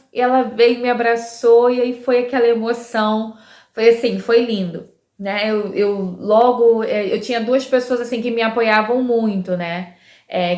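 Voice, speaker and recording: A woman's voice: medium pitch, roomy sound. A woman in her thirties telling a personal story in a chatty way, with lots of little fillers. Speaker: vlogger. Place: at home.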